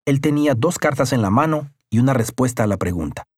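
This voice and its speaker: A man narrating a story and reading the characters' lines in a mostly even voice, rising for outbursts. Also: medium pitch, quick pace, breathy edge, no room sound, studio quality.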